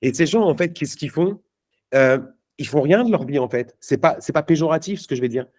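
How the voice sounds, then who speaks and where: A man's voice: fairly high pitch, animated, a little fast, a little mellow. A man giving a live motivational talk at a network marketing event, punchy and emphatic, speaking casually to the crowd. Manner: many fillers and restarts, casual slang.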